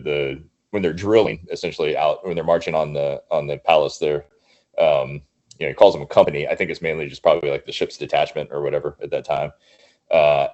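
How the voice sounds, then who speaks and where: A man's voice: very deep voice, a little mellow, dull audio. A man talking in a casual podcast film review, thoughtful and hedging, with many restarts. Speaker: podcast guest, Marine veteran.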